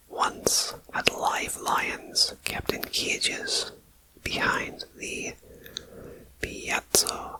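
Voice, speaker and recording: An ASMR host whispering a list of facts in a slow, soft voice and adding chatty personal asides, recorded on a binaural ear-to-ear microphone. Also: low-quality recording. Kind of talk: whispered ASMR fact reading.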